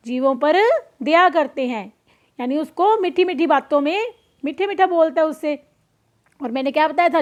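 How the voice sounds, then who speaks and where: High-voiced woman teacher explaining a story. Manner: explains and asks the class questions. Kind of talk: reading and explaining a children's story lesson. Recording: dull lo-fi recording.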